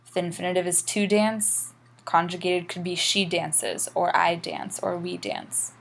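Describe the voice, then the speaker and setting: A woman teaching French grammar in a recorded lesson, explaining patiently and slowing down for examples. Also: fairly low pitch, gravelly, a bit bright, slight background noise.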